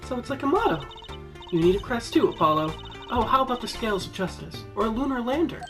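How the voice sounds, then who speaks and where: A man voicing an excitable teenage girl magician while reading a game aloud, over music. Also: very high-pitched, fast, pitched above the performer's own voice, full character voice. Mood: chirpy. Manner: bubbly, excitable. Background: background music.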